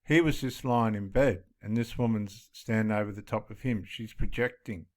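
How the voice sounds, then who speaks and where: A man's voice: fairly low pitch, moderate pace, a little mellow. Emphatic male video commentator. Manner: emphatic, repeats phrases for stress. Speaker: commentator reacting to police footage.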